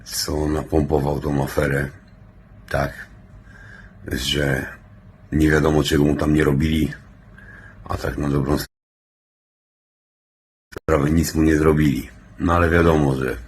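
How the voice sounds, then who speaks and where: A man with an extremely deep voice rambles like he is stoned. His delivery is a casual, sluggish monologue peppered with swearing. Faint noise sits behind the recording. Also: level tone, a little slow, pauses often. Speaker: vlogger.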